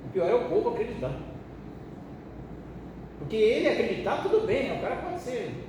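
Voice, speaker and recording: A man's voice: high-pitched, very animated, fairly quick. A pastor from Brazil teaching a Bible study in a colloquial, joking way and asking his listeners questions. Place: church hall. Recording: echoey hall, distant mic, background noise.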